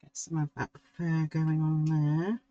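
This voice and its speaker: A middle-aged woman, slowly talking through a drawing as she works and musing to herself. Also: low voice, little pitch movement, dark tone, dry recording, lo-fi sound. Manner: slow, musing, talks to herself while drawing. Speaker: art tutor. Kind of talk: relaxed painting tutorial.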